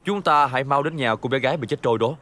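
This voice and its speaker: An actor playing a calm, measured male official's aide in a folk-tale TV drama, reasoning through the case. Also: medium pitch, natural voice. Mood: urgent.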